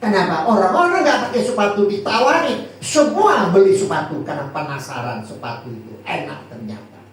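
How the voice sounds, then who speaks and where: A male pastor preaches in a playful, questioning way, his pitch rising and falling widely. He sounds far from the microphone in a very echoey hall, with a faint hiss behind him. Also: brisk. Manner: lively, jokey, asks the congregation questions. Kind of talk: sermon.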